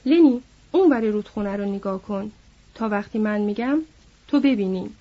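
A woman voicing a weary, protective grown man who reassures his friend softly, reading aloud in a storybook. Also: mid-range voice, lively intonation, natural voice. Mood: hushed. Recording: dull lo-fi recording.

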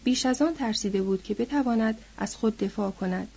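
A woman reading a novel aloud in a steady storytelling manner, on a dull lo-fi recording. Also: fairly high pitch, creaky, slightly rough. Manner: steady storytelling, lifting her voice for quoted characters.

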